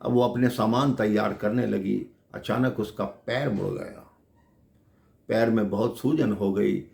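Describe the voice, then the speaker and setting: A man's voice: lowish voice, fairly even intonation, a little slow, vocal fry, a little mellow. A man telling a devotional story, addressing listeners affectionately as brothers and sisters. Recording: echoey room.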